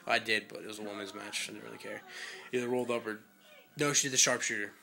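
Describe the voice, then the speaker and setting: A man's voice: fairly low pitch, fairly even intonation, fast talker, creaky, bright, forceful tone. A young man casually recapping wrestling results, rambling and chatty with lots of fillers, a little out of breath. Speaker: wrestling fan vlogger.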